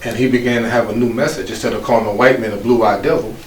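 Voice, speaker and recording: A man in his fifties from the United States, a guest speaker telling his life story in an animated way, laughing and acting out voices. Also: mid-range voice, fast, slight background noise. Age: 50s. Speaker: guest speaker, former pro football player. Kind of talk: personal life story told to an audience. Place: office room. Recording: echoey room, distant mic, faint ambience.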